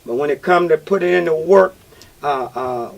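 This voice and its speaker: A man hosting a talk radio call-in show, speaking in a halting, repetitive and emphatic way. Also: fairly high pitch, creaky.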